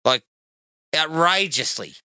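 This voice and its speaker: Animated man with a cold. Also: on the high side, slow, clear, resonant tone, no room sound. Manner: animated, swearing, jokey. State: recovering from a cold. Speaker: podcast co-host. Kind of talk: casual movie commentary.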